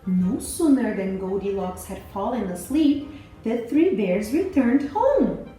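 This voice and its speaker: A woman teacher reads a children's story aloud, slow and sing-song, with a lively voice that rises and falls. She speaks at a leisurely pace. Heavy echo fills the room, and faint music plays behind her. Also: mid-range voice.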